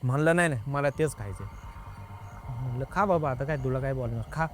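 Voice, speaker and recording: A young man sits as a guest and recounts something that happened to him, in a loose, chatty way. He keeps slipping into the voices of the people involved, tagging line after line with "I said". His voice sits at an ordinary pitch for a man. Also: brisk, a little hiss or hum. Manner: lively, re-enacts dialogue with many "I said" tags. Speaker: guest telling a personal ghost experience. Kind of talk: casual spoken storytelling.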